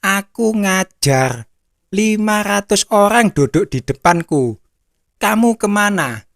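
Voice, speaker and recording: A stern male Jesus rebukes a wayward disciple with slow, deliberate words, as a preacher voices him. The voice sits a little high and sounds dry and close. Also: expressive, creaky, a bit bright, no echo, heavily acted. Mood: questioning.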